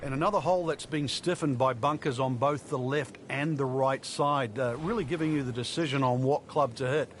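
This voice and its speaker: A man's voice: mid-range voice, fairly quick, few pauses. A man working as a golf analyst in broadcast commentary, explaining things in a conversational way. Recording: outdoor crowd and background noise.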